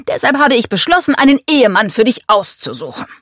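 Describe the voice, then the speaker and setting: A woman's voice: fairly high pitch, very animated, fast, a bit bright, dry recording, clean studio sound, voice pushed up. A woman reading the part of a domineering, scornful rich American father in an audiobook. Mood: commanding, scornful. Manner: commanding, scornful.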